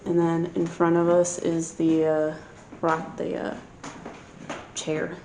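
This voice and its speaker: Female paranormal vlogger, hushed and unsure, casual night narration over clearly audible noise. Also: fairly low pitch, monotone, slow. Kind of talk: casual night investigation vlog. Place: inside a large old castle at night. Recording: echoey room with clear noise and clicks.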